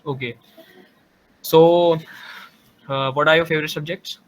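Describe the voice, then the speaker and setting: A man's voice: on the high side, steady tone, measured pace. A man quizzing an applicant in an online interview, asking direct questions with a few fillers. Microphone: computer microphone on a video call.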